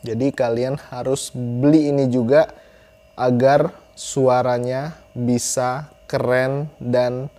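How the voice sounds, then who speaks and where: A man's voice: medium pitch, level tone, slow, background noise. A young man giving a casual product review to camera, chatty and repeating phrases for emphasis, on a lapel mic indoors. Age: young adult. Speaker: YouTuber reviewing gear. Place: small room indoors. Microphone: clip-on lapel mic.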